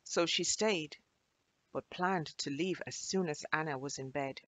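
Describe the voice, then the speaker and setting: A woman reading a children's storybook aloud in a gentle, expressive way. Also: deep voice, a little slow, no echo.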